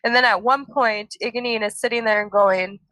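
Female co-host, bright tone, lively recap, close dry mic. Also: fairly high pitch, a little fast, no room sound, poor audio. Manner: animated plot recap with frequent laughs. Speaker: podcast co-host. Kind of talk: casual book-club podcast chat.

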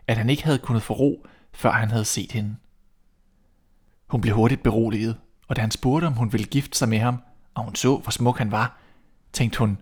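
Calm male fairy-tale storyteller. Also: medium pitch, breathy edge. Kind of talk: reading a fairy tale aloud.

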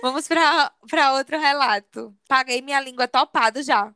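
Bright, high-voiced chatty woman. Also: normal speed, no room sound, clean studio sound. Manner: animated gossipy storytelling with slang. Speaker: podcast co-host. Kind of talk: casual chat reading listener stories.

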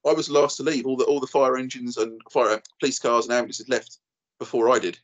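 A thirty-something man with an Essex accent chats very quickly and casually. His way of talking is blokey and full of slang, as in a relaxed podcast anecdote. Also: medium pitch. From Essex, England. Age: 30s. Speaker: podcast guest and YouTuber. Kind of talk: casual chat, telling an anecdote.

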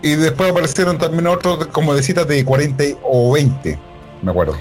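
A man chats casually and chimes in with quick agreement, talking fast. Faint music plays behind him. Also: a little high, darkish tone. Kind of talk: casual chat.

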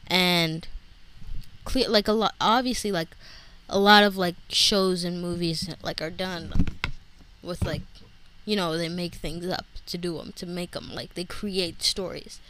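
A woman's voice: fairly low pitch, steady tone, unhurried, a bit bright, low-quality recording. Young woman, solo podcast host, winded, scattered chatty delivery. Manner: scattered, many fillers and restarts. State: out of breath. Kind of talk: rambling solo podcast chat.

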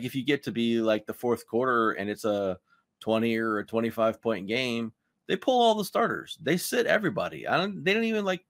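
A man's voice: fairly low pitch, fairly bright tone, dry recording, clean studio sound. A man co-hosting a casual sports podcast, rambling and ranting with heavy use of "like". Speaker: podcast co-host.

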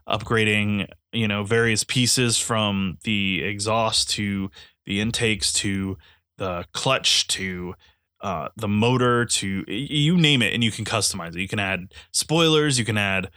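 Congested man with a bright, low voice. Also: dry recording, clean studio sound. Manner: eager and rambling, with many restarts. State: congested, stuffy nose. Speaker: game reviewer. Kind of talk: casual spoken game review.

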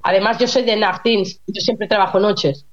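A woman working as a nurse in Germany, explaining things in an animated, chatty way as a guest on a radio interview. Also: mid-range voice, normal speed, muffled recording. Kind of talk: casual radio interview chat.

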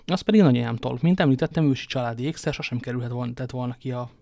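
A male reader playing a grave, fatherly nobleman in an audiobook. He speaks in a measured, somber way at a steady middle pitch and sometimes drops to a hush. The sound is dry and close. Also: gravelly, dry recording, close to an everyday voice.

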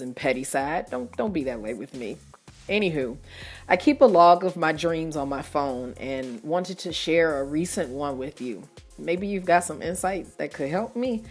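A woman, hosting a solo podcast in a chatty, self-mocking way. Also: low voice. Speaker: podcast host.

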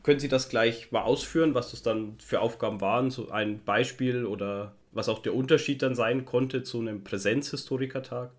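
A man's voice: mid-range voice, moderate pace, few pauses. Young male interviewer, slightly under the weather. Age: young adult. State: slightly ill with a cold-affected voice. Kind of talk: polite interview moderation.

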